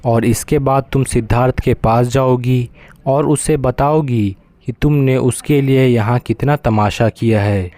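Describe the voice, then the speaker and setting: A man's voice: mid-range voice, measured pace, mellow, no echo, close to an everyday voice. A man voicing a scheming, suspicious older woman with a taunting manner, in a storybook reading. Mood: scornful. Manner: taunting and scornful.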